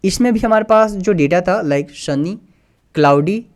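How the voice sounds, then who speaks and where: A man's voice: sits high, a little slow, a little mellow. A man teaching a coding tutorial, patiently explaining each step and reading code aloud as he types it, with English terms mixed into his speech. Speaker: tutorial instructor. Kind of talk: screen-recorded coding tutorial.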